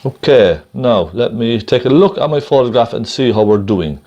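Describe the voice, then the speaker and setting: Gentle painting instructor, a man. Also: medium pitch, lively intonation, lo-fi sound. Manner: gentle, encouraging, unhurried; thinks aloud while painting. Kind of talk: casual step-by-step painting demonstration.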